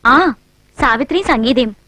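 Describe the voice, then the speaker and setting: A woman's voice: high-pitched, animated, measured pace, pushed and bright, no echo, heavily acted. An actress playing a haughty young woman who mocks others with a giggly, teasing manner. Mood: complaining. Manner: mocking, giggly.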